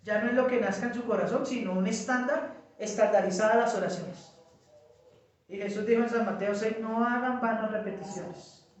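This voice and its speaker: A man teaching a small group in a relaxed way, explaining step by step and checking in with his listeners. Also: sits high, moderate pace. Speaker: Bible study teacher. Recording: echoey room, mic far off.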